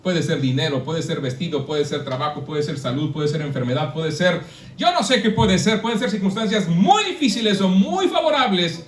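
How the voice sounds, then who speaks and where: A man's voice: on the high side, recorded from a distance, a little hiss or hum. Man preaching in an echoey church. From Mexico. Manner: conversational preaching, asks the congregation questions. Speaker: pastor. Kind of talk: sermon. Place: church hall. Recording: echoey church, speaker away from the mic.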